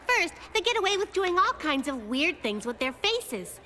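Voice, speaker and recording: A woman voicing a spirited, bossy young girl in an animated cartoon, emphatic and excitable. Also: very high-pitched, moderate pace, noisy background. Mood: playful storytelling. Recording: music behind the voice.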